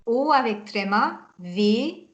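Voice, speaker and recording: A woman tutoring over a video call, her voice sitting a little high. She talks slowly and patiently, spelling out each word letter by letter. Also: expressive. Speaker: Hungarian teacher.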